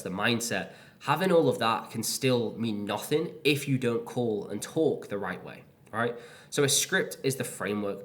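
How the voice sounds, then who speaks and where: A man teaching cold-calling in a casual, plain-spoken way. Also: fairly low pitch. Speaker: sales coach. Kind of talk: instructional talk to camera.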